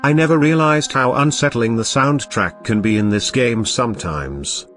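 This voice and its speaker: A young man reviews a retro game in a casual, upbeat, middle-pitched voice at a moderate pace, mixing enthusiasm with dry joking asides. Soft game music plays underneath.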